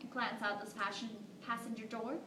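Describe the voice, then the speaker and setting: A woman's voice: a little high, little pitch movement, a little fast, lightly acted. A woman playing a devoted young mother in a dramatic monologue, telling stories conversationally with asides to listeners. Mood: wistful wonder. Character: devoted young mother fondly recalling her daughter. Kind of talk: dramatic monologue performed at a competition. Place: echoing room, recorded from a distance. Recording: roomy, distant mic with faint noise.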